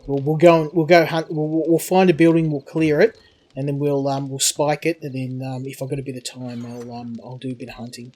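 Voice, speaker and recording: A man's voice: mid-range voice, flat delivery, a little fast, a little mellow. A man hosting a co-op survival game, chatting casually with his friend and often restarting sentences as he plans ahead. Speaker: game channel host. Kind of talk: casual co-op gameplay chat.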